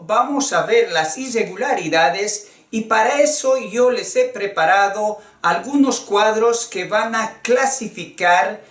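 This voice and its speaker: Slow, lively-voiced male Spanish teacher. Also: high-pitched. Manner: slow, deliberate, repeats example phrases for learners. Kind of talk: slow classroom grammar lesson. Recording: echoey room, voice from a distance.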